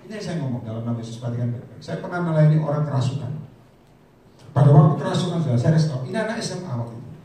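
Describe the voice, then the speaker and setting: Preacher shouting in an echoey hall. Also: male voice, expressive, racing. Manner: swings from shouting to low asides, addresses the congregation as "saudara". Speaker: evangelist preacher. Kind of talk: sermon. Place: large church hall. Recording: echoey hall, mic from a distance, faint hiss.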